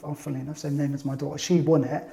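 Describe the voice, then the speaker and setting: A man's voice: on the high side, little pitch movement, rapid-fire, vocal fry, dark tone, roomy sound. A man, a business-owner guest telling rambling stories with lots of restarts in casual chat. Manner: rambling anecdotal storytelling with restarts.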